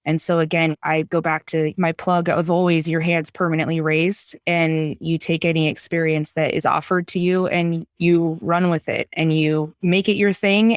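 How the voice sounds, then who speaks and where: A woman's voice: low voice, clear, resonant tone, no echo, studio quality. A woman who is a new FBI agent, sharing enthusiastic, motivational advice on a podcast.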